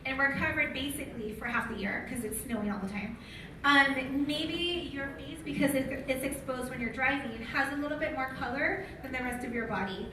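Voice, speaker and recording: An American woman who lives in Utah gives a live product training in a large room before an audience, speaking informally at a normal speed and asking her listeners questions. Her voice sits high. The recording is noisy and echoey, taken from a distant mic.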